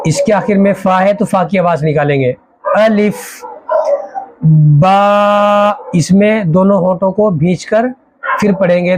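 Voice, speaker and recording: A man teaching a Quran reading lesson as an Arabic teacher, drawing out each letter slowly and explaining how to say it. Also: sits high, darkish tone, low-quality recording. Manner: slow, drawn-out recitation of letters with explanations.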